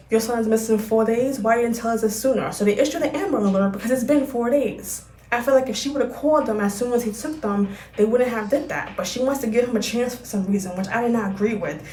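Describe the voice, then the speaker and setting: Woman vlogger, ranting film recap, fairly high voice, echoey room. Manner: animated, exasperated, profane.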